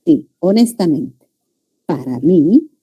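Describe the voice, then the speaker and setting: A middle-aged woman with a Peruvian Spanish accent, giving an animated classroom lecture and addressing her students often and with emphasis. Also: fairly low pitch, slow, slightly rough. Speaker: teacher.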